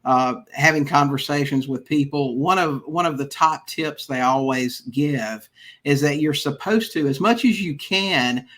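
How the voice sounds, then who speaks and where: A man's voice: a little high, unhurried, a bit bright. A middle-aged man hosting a podcast, asking eager, rambling questions in a casual manner. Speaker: podcast host. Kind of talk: casual interview.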